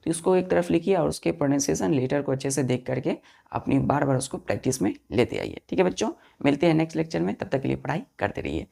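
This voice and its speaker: A woman with a notably low, gravelly voice teaches a vocabulary lesson to her students. She spells each word slowly, one letter at a time, and counts the letters aloud with patient repetition. Her listeners are addressed as children throughout. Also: lively intonation, dark tone.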